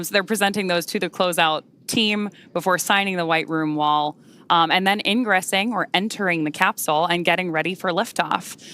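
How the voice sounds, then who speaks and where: Low-pitched woman hosting spaceflight commentary. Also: fairly bright tone. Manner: conversational, explanatory. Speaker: launch webcast co-host.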